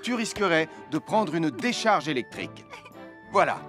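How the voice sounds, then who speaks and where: A man's voice: fairly high pitch, sing-song, moderate pace, a bit bright. An actor voicing a cheerful adult fireman in a children's cartoon dub, explaining safety rules in a friendly, instructive way. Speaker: safety presenter. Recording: studio voice with music behind.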